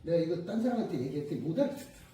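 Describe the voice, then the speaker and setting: A man's voice: a little high, lively intonation, very fast, mellow, slight background noise. A man preaching a storytelling sermon in a colloquial way, acting out the voices he quotes, recorded in a church. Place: church sanctuary. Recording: very echoey hall, mic at a distance.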